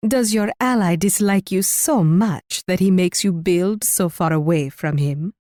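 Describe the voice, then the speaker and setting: A woman's voice: fairly low pitch, a little mellow, no echo, studio quality. An actress playing a haughty, warlike Spanish queen in a video game, delivering imperious, mocking taunts with sweetly condescending menace.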